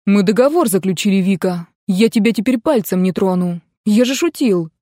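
A woman's voice: mid-range voice, animated, normal speed, warm tone, no echo, studio quality, lightly acted. A woman reading the part of a sarcastic, teasing young male mercenary in an audiobook. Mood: offended. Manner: mocking, joking drawl.

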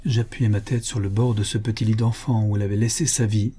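A man reading a novel aloud as an audiobook narrator, in a solemn, measured way. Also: lowish voice, little pitch movement, dark tone, breathy edge.

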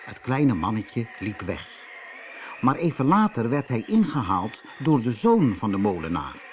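Male storybook narrator, expressive, widely varied melody. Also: mid-range voice, moderate pace, a little hiss or hum.

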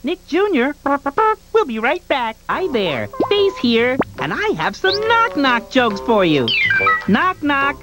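A woman's voice: high voice, wildly swooping pitch, slow, full character voice. A woman voicing a cheerful, giggly cartoon face who jokes and plays with young children. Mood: giggly playful. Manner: giggly, playful, talks to kids. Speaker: kids' channel mascot. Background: music.

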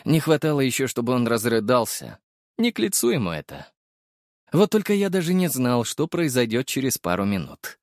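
A man narrating a first-person audiobook in a lively, wry and expressive manner. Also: medium pitch, moderate pace, dry recording, studio quality.

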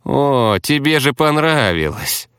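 A man voicing an oily, insinuating male villain with a smooth, sneering manner in an audiobook. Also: a little high, big pitch swings, measured pace, fairly bright tone, dry recording, clean studio sound, pitched above the performer's own voice, full character voice. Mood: gloating.

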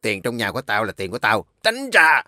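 A man's voice: lowish voice, huge pitch swings, fairly quick, pushed and bright, dry recording, studio quality, exaggerated voice. A man voicing a brutish, drunken middle-aged husband who snarls his words. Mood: drunk, scornful.

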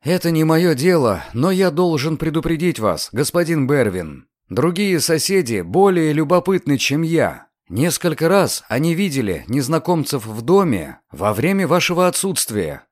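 A man voicing a young lawyer, confident and insistent, speaking in a raised, lively voice. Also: a little high, normal speed, few pauses, no room sound, clean studio sound, voice pushed up.

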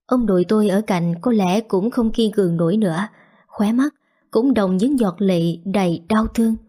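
A woman reading a sorrowful first-person novel aloud in a slow, steady narration. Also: mid-range voice, slightly rough. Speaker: audiobook narrator.

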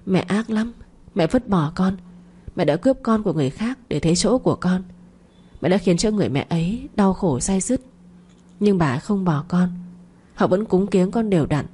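A woman's voice: fairly low pitch, animated, normal speed, warm tone, slightly rough. A woman voicing the ghost of a dead baby boy who weeps and accuses his mother. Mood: tearful. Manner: tearful, accusing.

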